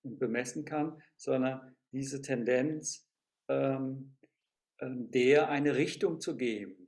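A man speaks as a podcast guest at an unhurried, deliberate pace. He thinks aloud, often pausing on hesitant filler sounds while he searches for the right word. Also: medium pitch, gravelly, a little mellow. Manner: thoughtful, searching for words with many filler sounds. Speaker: guest discussing education theory. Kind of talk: reflective conversation.

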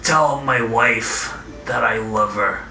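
A man's voice: mid-range voice, slow pace, creaky, bright, forceful tone, distant mic, heavily acted. A man voicing a wounded, pained thug who mourns for his wife as he fades. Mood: dying, weak. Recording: noisy roomy recording, off mic.

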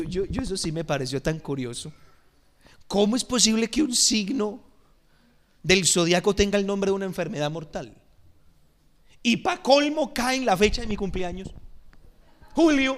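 A man pastor preaching a sermon, telling lively stories and acting out the voices in them. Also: high voice. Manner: animated, acts out voices in anecdotes. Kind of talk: sermon with storytelling. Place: church.

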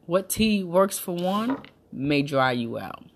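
A woman's voice: fairly low pitch, very animated, slow pace, slight background noise. A woman hosting a breastfeeding support talk, giving new mothers emphatic, repetitive, reassuring advice in casual, colloquial speech.

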